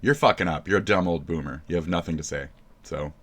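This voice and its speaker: A man streaming live, ranting in profane, mocking commentary that keeps jumping into loud shouts. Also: low voice, a little fast.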